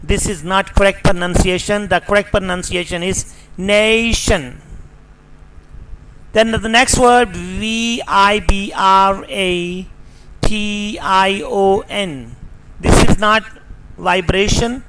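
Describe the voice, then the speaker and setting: A man with a Pakistani English accent teaching a slow, deliberate pronunciation lesson, spelling words out letter by letter. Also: sits high, steady tone, noisy background.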